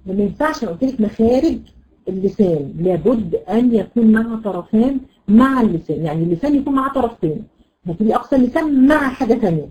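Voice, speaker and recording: Fast-talking Egyptian woman teacher. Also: fairly high pitch, animated, dull audio. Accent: Egyptian Arabic. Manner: explains patiently, repeats words, checks understanding with quick questions. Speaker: Quran recitation teacher. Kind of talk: classroom lesson.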